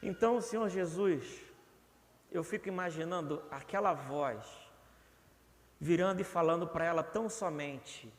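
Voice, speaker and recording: A man's voice: fairly high pitch, moderate pace. A young Brazilian man preaching a sermon in a church, earnest and repeating words for emphasis. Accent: Brazilian Portuguese. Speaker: pastor. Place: church hall. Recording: long reverb of a church hall.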